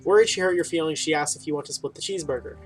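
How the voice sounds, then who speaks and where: A man with a slightly high voice races through rambling, casual playthrough commentary, reading the game's dialogue aloud with wry, informal asides as game music plays.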